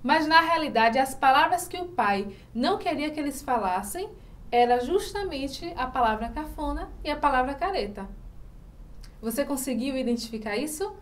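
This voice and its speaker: Lady teacher doing a school lesson, highish voice, drags out the syllables, keeps asking the kids questions. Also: lively intonation, slight background noise. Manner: slow, drawn-out syllables when sounding out words; asks the class frequent questions. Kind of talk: recorded grade-school lesson.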